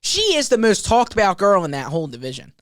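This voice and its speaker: A man's voice: high voice, quick pace, no echo, studio quality. A man co-hosting a podcast, chatting casually about fights in a rambling way, full of fillers and restarts. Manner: animated, rambling, lots of fillers. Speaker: podcast co-host.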